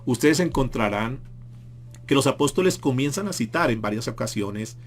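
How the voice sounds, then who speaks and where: A man's voice: mid-range voice, animated, moderate pace. A male pastor preaching a sermon with emphasis, rising and falling as he acts out the mockers' taunts.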